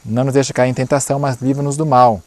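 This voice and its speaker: A man's voice: medium pitch, flat delivery, quick pace, a little mellow, no room sound. Man, mid-range voice, lecturing a church audience in an explanatory way, dry sound. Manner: explanatory, checks in often with short asides. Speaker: conference speaker.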